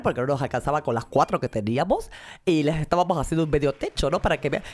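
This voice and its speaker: A woman with an Argentine accent voicing a frivolous, callous rich lady in a comedy radio sketch. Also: deep voice. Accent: Argentine Spanish. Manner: haughty, giggly, shrugging off harm.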